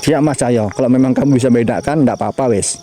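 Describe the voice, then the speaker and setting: A man with a Javanese accent talks to his stream from a graveyard at night, chatty and loose as he answers viewers. His voice is mellow and warm, and a faint hum of crickets and insects sits behind him outdoors. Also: medium pitch, quick pace. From Java. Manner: chatty, talks to viewers and chat, invokes spirits. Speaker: mystery vlogger.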